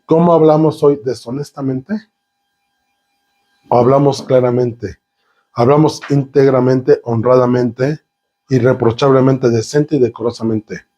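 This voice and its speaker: A man's voice: mid-range voice, mellow. A man preaching a sermon, piling up synonyms and rhetorical questions and drawing the congregation in. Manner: talks with the congregation, asking them questions.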